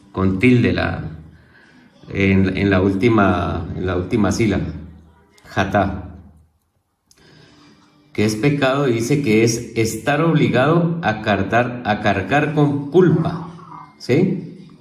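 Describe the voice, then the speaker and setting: Slow-talking man with a low, roomy voice. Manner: halting, self-correcting, explains and repeats terms. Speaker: theology student presenting homework; teacher. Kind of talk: informal spoken lesson.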